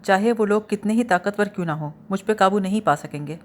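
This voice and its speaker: A woman voicing a clever young male detective who plays the fool, questioning calmly with a teasing edge. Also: mid-range voice, lightly acted. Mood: probing.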